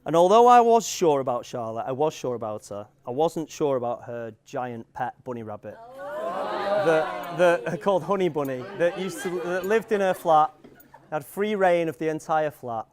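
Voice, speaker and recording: At a wedding venue, a young Manx groom from the Isle of Man delivers an informal speech that's joking, rambling and hesitant. His voice is animated and on the high side with a darkish tone at normal speed, and the wedding crowd is audible in the live room.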